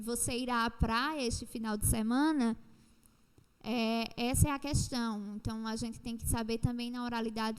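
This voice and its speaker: A high-voiced woman with a Brazilian Portuguese accent teaches a recorded lesson. She explains patiently, repeats herself and drags out the example sentences. Her voice rings with a long reverb, as if in a bare room. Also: smooth.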